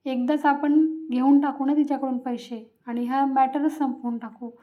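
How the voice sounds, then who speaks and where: Woman reading a blunt practical wife, high flat voice, phone-like sound. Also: moderate pace, close to an everyday voice. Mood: dismissive.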